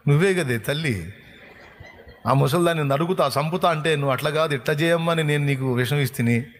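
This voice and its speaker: A preacher playing an older village man who hands out medicine, talking in a brisk, chatty storytelling voice. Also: on the high side, a little hiss or hum, natural voice. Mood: mocking. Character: older village man giving herbal medicine, sly then kind.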